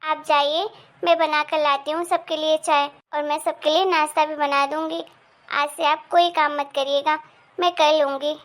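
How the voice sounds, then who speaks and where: Woman doing a young daughter-in-law, eager, sweetly polite, very high voice, animated storybook. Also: moderate pace.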